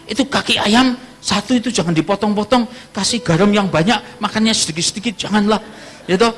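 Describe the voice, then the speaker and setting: A pastor from Java preaching a sermon and telling a personal testimony, his voice jumping high when he quotes people, with frequent laughter. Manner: storytelling, animated voice jumps high for quoted speech, laughs often.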